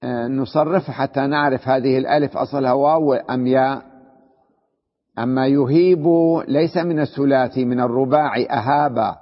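A man teaching an Arabic grammar lesson. He explains step by step, asks his class questions and answers them himself, and drags words out slowly to spell out their forms. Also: mid-range voice, fairly even intonation. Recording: muffled recording with long hall reverb.

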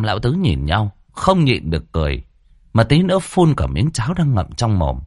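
A man's voice: lowish voice, no echo, clean studio sound. A man narrating a folksy ghost story in a colloquial, vivid way. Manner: colloquial, vivid, swinging delivery.

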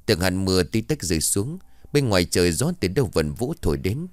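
A man narrating a horror tale in a low, dramatic voice with wide swings of pitch. The recording is dry and close. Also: big pitch swings, a little fast, no room sound. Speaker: storyteller.

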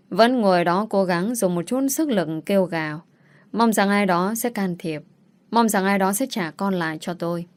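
Female audiobook narrator, dramatic and emotional first-person delivery. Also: mid-range voice.

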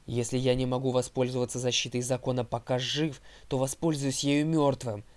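A man's voice: medium pitch, little pitch movement, fairly quick, darkish tone, natural voice. A man growling as a raging male manticore. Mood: furious. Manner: howling, snarling, outraged. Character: wounded vicious male manticore monster.

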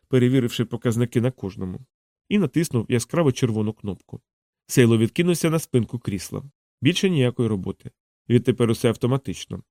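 A man reads a novel aloud in a calm, measured voice at a middling pitch. The recording is close and dry, with no room echo. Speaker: audiobook narrator. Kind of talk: scripted novel narration.

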